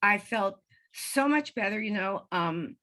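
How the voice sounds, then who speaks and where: A woman in her seventies, a guest on an interview show, telling a personal story in a lively conversational way and acting out the voices she quotes. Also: medium pitch, a little slow. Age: 70s. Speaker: guest, medium.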